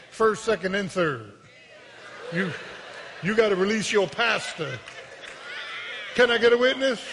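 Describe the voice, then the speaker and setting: High-voiced shouting preacher, gravelly. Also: male voice. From South Philadelphia. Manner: call-and-response preaching, repeats words, rising to shouts. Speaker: pastor. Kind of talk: sermon. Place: church sanctuary. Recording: long hall reverb.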